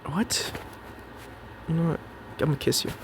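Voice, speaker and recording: Doing live commentary on his own gameplay, a young man cracks casual jokes, addressing himself and the opponent. He speaks at a normal speed in a mid-range voice with vocal fry, over background noise.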